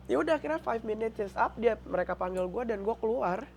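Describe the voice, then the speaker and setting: A woman's voice: fairly high pitch, brisk, creaky, a little hiss or hum. Indonesian woman guest, code-switching. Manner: mixes Indonesian and English, lively retelling. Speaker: interview guest. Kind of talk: casual emotional interview.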